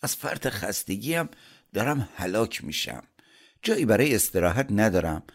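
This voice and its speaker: A man voicing a clever, cheerful young male traveler who speaks calmly and confidently. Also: on the low side. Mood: weary.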